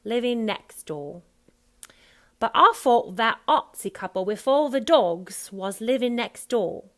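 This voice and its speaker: Woman doing a grinning Cockney crook, dropped H's, slow and loud. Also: a little high, animated, voice pushed up. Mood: broad, jolly. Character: scruffy Cockney henchman, man, dim and jolly.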